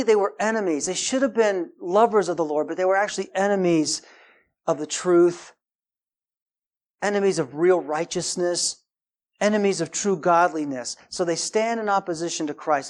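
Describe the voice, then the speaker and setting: A middle-aged man preaching a sermon, emphatic, his voice rising high and loud to stress points. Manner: emphatic, rising in pitch and volume for stress, acts out quoted voices. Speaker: pastor.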